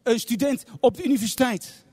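A man's voice: extremely high pitch, fairly quick, warm tone, slightly rough. A man preaching a sermon with passion, repeating phrases for emphasis. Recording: long reverb of a large hall.

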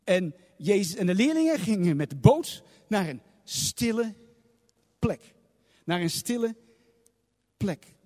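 A man's voice: high-pitched, big pitch swings, takes it slowly, pauses often, a little mellow. A man preaching a sermon with passion, repeating phrases for emphasis. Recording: long reverb of a large hall.

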